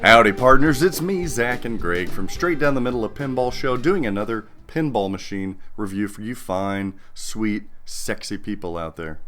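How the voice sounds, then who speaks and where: A man's voice: lowish voice, animated, normal speed, hardly any pauses, faint music behind. Playful man co-hosting a pinball show. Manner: joking, playful banter. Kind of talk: casual chat.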